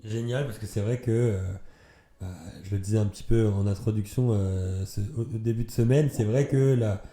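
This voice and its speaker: A man hosting a podcast, talking in a friendly, halting way and repeating words as he asks questions. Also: on the low side, fairly even intonation, warm tone. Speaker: podcast host. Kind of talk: casual podcast interview.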